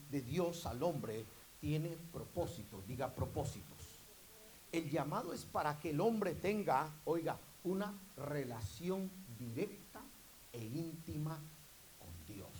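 A man's voice: fairly high pitch, very animated, takes it slowly, rough recording. Emphatic preacher man, faint hiss. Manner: calls out to the congregation, rising to loud emphatic bursts. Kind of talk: sermon.

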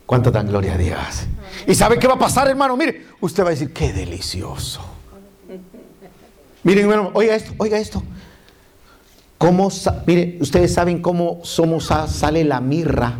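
A man's voice: sits high, very animated, moderate pace, a little mellow. A man preaching a sermon, reading Bible verses aloud and calling on the congregation to repeat after him, often saying "brother" and "look". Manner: calls on the congregation to repeat phrases; keeps saying "hermano" and "mire".

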